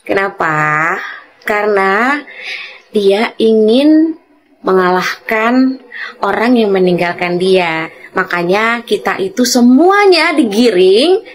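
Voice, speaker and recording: Slow, deliberate woman commenting. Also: medium pitch, animated. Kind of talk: commentary to viewers.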